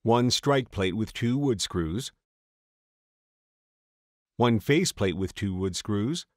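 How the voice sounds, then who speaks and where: A man reading a scripted voice-over for a step-by-step installation tutorial, in a steady, measured way. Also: on the low side, dry recording, clean studio sound. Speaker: tutorial narrator.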